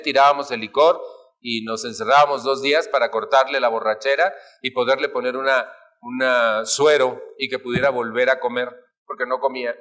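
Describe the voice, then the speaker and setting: A man's voice: mid-range voice, a bit bright. Mexican man, playful, acting out scenes. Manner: playful, acts out family arguments with shifting voices. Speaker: speaker at a family recovery talk. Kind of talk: humorous talk to a live audience.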